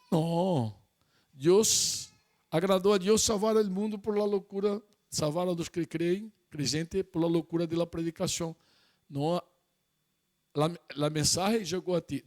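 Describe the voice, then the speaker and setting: High-voiced man preaching a sermon. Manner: mixes Portuguese and Spanish, emphatic repetitions.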